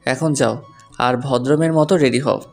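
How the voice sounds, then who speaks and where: Teasing young husband, calm and stubborn, voiced by a man; mid-range voice. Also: medium pitch, a little slow, creaky, faint music behind. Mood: firm. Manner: dry, teasing, level delivery. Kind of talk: Bengali audio story acting.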